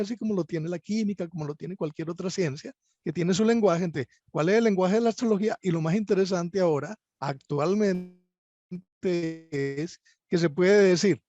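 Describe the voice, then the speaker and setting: High-voiced Colombian man, lecturing. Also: darkish tone, no echo, muffled recording. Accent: Colombian Spanish. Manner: measured, lecturing, with halting restarts. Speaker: astrologer guest. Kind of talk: explanatory interview answers.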